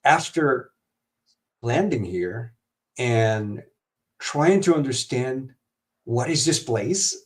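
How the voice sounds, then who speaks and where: Man, interview guest, halting delivery full of fillers, video-call mic. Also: medium pitch, lively intonation. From Honduras. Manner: halting, many fillers and restarts. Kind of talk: live stream interview over video call.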